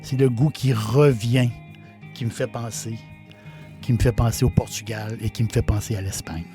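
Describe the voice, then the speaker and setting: Over music, a Québécois-accented innkeeper chats casually about a liqueur in a folksy way, tending to repeat himself. His voice is medium-pitched, with fairly even intonation and a normal pace.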